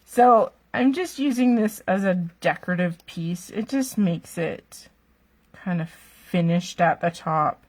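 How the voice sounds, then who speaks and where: Slow-talking chatty craft instructor woman. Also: on the low side, darkish tone. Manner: chatty, laughs often, keeps asking "okay?". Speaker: card-making instructor. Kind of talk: live-streamed craft demonstration.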